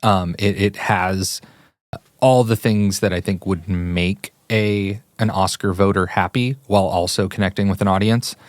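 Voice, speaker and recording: A man with a lowish voice co-hosting a casual film podcast, laying out release dates and box office numbers in a relaxed, opinionated way. His studio mic sounds dry and close. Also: a little slow, dry recording. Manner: relaxed, reads facts and figures, opinionated. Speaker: podcast co-host. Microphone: studio microphone.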